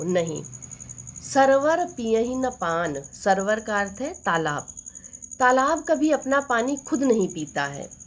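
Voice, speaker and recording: A woman teaching a Hindi poetry lesson, walking students through couplets line by line. She keeps asking rhetorical questions and then answers them herself. When she quotes a verse, she slows down and recites it deliberately. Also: on the high side. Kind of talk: exam-focused poetry lesson.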